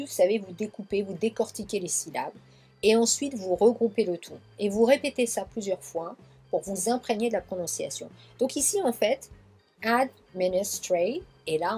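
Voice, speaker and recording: Husky French woman teaching pronunciation. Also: medium pitch, a little mellow. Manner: slow, drawn-out repetition of model words. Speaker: English teacher. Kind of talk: pronunciation lesson.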